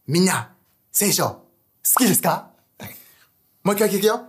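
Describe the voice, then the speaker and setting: A young man preaching a casual online sermon, animated and chatty, often asking his audience questions. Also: sits high, measured pace. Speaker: youth pastor.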